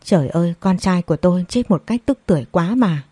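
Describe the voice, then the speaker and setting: A woman plays an older father shattered by loss, his lament coming in wailing questions. The voice sits low and soft, dry and close. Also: expressive, quick pace, breathy edge, no room sound. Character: devastated older father mourning his son.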